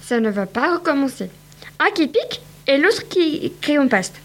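A woman reading a huge, touchy carrot that complains indignantly in a high voice. A storybook read-aloud with a fussy, offended tone. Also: big pitch swings, normal speed. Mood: disgusted. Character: giant grumpy carrot, easily offended.

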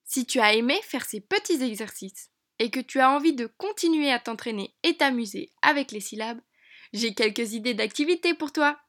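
A woman teacher narrating a lesson for young children in an encouraging, clear way, slowing down on key words. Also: on the high side, animated. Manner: bright, encouraging, speaks slowly to a child.

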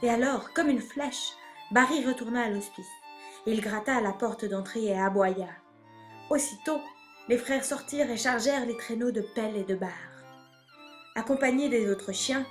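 Woman reading a storybook aloud. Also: fairly high pitch.

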